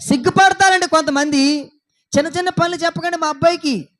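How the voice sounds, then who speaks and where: A man's voice: very high voice, fairly quick, fairly bright tone. A man preaching a Sunday sermon as pastor, asking his listeners repeated questions. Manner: preaching with repeated rhetorical questions and acted quotes.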